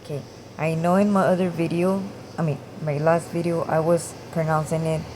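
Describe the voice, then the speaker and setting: A woman vlogger talking casually and hesitantly, with many pauses, fillers and restarts. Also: low-pitched, level tone, darkish tone. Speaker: gaming vlogger. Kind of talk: casual talk to camera. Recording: noisy room with air conditioning hum.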